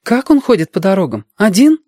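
A man reading a story aloud and voicing a quiet, uneasy young schoolgirl who speaks in soft, hesitant questions. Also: high voice, huge pitch swings, fairly quick, no room sound, clean studio sound, pitched above the performer's own voice, full character voice. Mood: uneasy, wondering.

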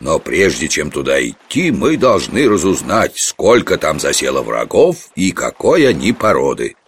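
A man voicing a huge, good-natured giant king who gives calm, fatherly commands in a storybook reading. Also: a bass voice, a little slow, slight background noise, exaggerated voice. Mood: calm commanding.

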